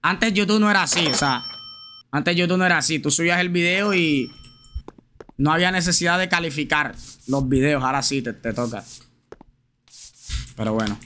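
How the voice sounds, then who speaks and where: A man's voice: on the high side, moderate pace, long pauses, bright, forceful tone, slight background noise. A man streaming a game live, chatting casually and slangily straight to his viewers and reading their messages aloud. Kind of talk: casual live gameplay chat.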